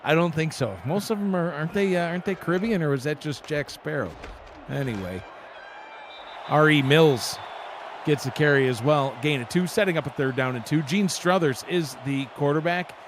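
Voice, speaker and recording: A man doing relaxed play-by-play commentary for a simulated football broadcast, joking along and rising in excitement on big plays. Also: a little high, normal speed, noisy background. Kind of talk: sports commentary.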